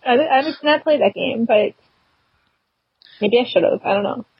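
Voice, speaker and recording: A woman from the Detroit area chatting casually as a guest, animated and often laughing. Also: fairly high pitch, moderate pace, creaky, husky, no room sound, lo-fi sound. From Detroit area, United States. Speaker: podcast guest. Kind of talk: casual chat.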